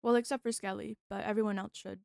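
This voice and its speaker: A young woman streamer chatting casually with her viewers, bubbly and talkative, reacting loudly to the chat. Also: mid-range voice, fairly even intonation, fast, creaky, no echo, studio quality.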